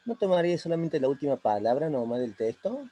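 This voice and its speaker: A man's voice: a little high, sing-song, fast talker, warm tone. A man asking his teacher a question in an online class, hesitant and stumbling a little as he speaks. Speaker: student.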